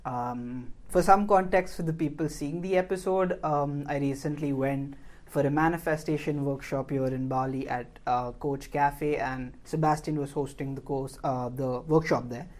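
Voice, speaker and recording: A man's voice: a little high, fairly even intonation, normal speed, few pauses, darkish tone. A man hosting a podcast interview, talking in a chatty, rambling way with many fillers. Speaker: podcast host.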